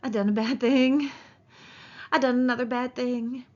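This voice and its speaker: A woman voicing a big, slow-witted, childlike man who is gentle and easily frightened, speaking in a drawling rural way. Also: fairly high pitch, steady tone, lo-fi sound, voice pushed up, close to an everyday voice. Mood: fearful. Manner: drawling rural speech, pleading.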